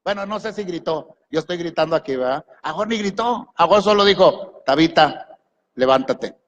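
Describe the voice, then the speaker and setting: A man preaching, his voice sitting high for a man. He drives the sermon with questions and commands to the congregation. The sound carries a long reverb from a large church hall. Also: a little fast, lo-fi sound. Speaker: pastor.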